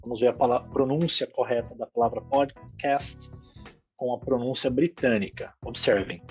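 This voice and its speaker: A man hosts a solo English-lesson podcast in a husky, mid-pitched voice. He explains each point patiently and repeats words to drive them home. Faint music sits behind him. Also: fairly even intonation, moderate pace, darkish tone, muffled recording. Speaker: English teacher and podcast host.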